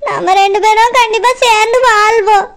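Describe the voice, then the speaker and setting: A lovesick cartoon girl, voiced by an actor, weepy and pleading, with a very high, squeaky voice that sounds almost like a child. she keeps begging her sweetheart on the phone and sounds close to tears. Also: steady tone, a little fast, fairly bright tone. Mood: tearful. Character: tearful lovesick young woman. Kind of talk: cartoon voice acting.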